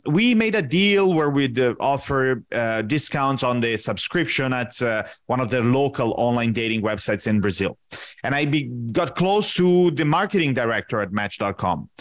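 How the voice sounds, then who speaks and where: This Italian podcast guest, a man in his thirties whose first language is Italian, answers questions in an easygoing interview. His voice sits in the mid range, and he frequently stops to hunt for words, filling the gaps with fillers.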